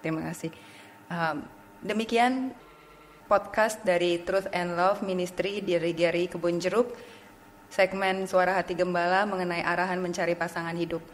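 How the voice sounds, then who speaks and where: Flat-voiced woman hosting a podcast. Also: on the low side, big-room sound, a little hiss or hum. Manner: measured, formal thanks. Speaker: podcast host. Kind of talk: podcast sign-off.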